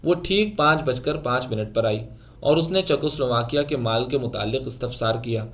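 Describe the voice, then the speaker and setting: A man narrating a literary short story aloud in a measured, even storytelling manner. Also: medium pitch.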